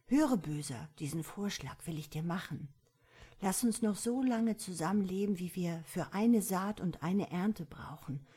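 A bold and cheerful young bride of the sun speaks in a storybook tale, as a woman reader puts her on. The voice sits low and a little husky. She talks with lively, laughing confidence. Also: unhurried. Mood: determined.

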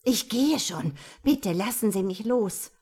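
A woman's voice: medium pitch, animated, takes it slowly, darkish tone, husky. A woman voicing a desperate, angry woman demanding a loan, tense and insistent. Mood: pleading. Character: desperate, angry middle-aged woman borrower.

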